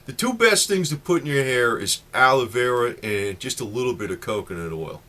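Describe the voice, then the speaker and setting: Man, late fifties, bright voice, casual rambling talk, lots of fillers. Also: medium pitch, expressive, brisk. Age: 50s. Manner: rambling, chatty, many fillers. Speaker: vlogger.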